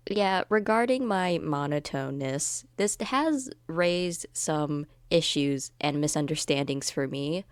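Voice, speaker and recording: A woman talking in a monotone, rambling and self-deprecating way in a casual vlog. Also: deep voice, slow, few pauses, clean tone. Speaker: video creator.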